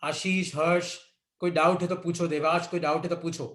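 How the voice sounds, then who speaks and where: A man's voice: a little high, little pitch movement, normal speed, a bit bright, echoey room. A man teaching a physics class online in Hindi mixed with English terms, repeatedly telling students to copy notes. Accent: Indian. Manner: repeats dictation cues, mixes Hindi and English.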